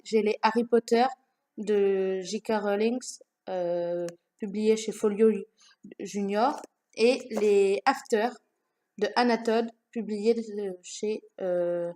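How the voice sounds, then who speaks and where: A woman's voice: mid-range voice, takes it slowly, darkish tone. A young woman talking casually to camera about her books, with many fillers and self-corrections, recorded at home. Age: young adult. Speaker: book vlogger. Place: room at home.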